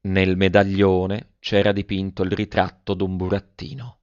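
A man reads a storybook aloud in a lively, expressive manner. His voice is smooth and clear, at a middle pitch. The recording is dry and a bit dull. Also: unhurried, no echo. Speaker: narrator. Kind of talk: audiobook reading of a classic tale.

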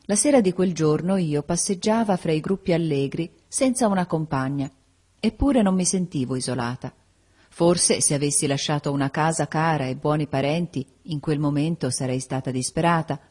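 A woman narrating a classic novel as an audiobook, in a measured, even storytelling manner. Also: sits low.

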